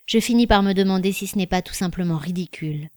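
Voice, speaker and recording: A woman's voice: fairly low pitch, quick pace, darkish tone, dry recording, clean studio sound, natural voice. Troubled man, read by a woman, guarded, hesitant, earnest, storybook.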